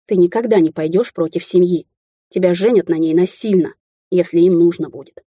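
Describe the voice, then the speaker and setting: A woman's voice: lowish voice, fairly quick, dark tone, husky, no echo, clean studio sound. A woman voicing a fiery young woman who argues in a heated, accusing way.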